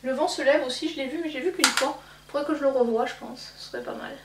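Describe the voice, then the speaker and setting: A woman's voice: high voice, fast talker, fairly bright tone. A woman in her thirties, a beauty vlogger chatting casually and rambling with many fillers while doing her makeup. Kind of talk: casual get-ready-with-me chat. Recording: echoey room, mic at a distance, faint hum.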